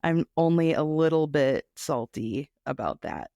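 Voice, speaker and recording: A woman's voice: low-pitched, big pitch swings, unhurried, gravelly, warm tone, no room sound, clean studio sound. A woman co-hosting a casual political podcast who speaks in an earnest, plain way. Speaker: podcast co-host and state lawmaker.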